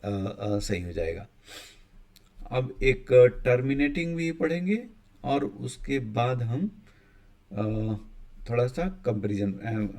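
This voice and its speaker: A man's voice: on the low side, vocal fry, a little mellow. A man teaching a maths lesson in a casual, explaining manner, often checking in with students and sometimes restarting his sentences. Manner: casual explaining, frequent "ठीक है" check-ins, halting restarts.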